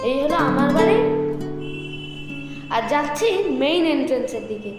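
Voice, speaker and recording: A woman's voice: high voice, animated, moderate pace. A woman narrating a home tour for her vlog in a chatty tour-guide manner, her voice echoing heavily in an empty upstairs room. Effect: heavy echo from an empty upstairs room. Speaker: vlogger. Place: empty upstairs floor of a large house. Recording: very echoey room, loud guitar music. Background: loud plucked guitar music.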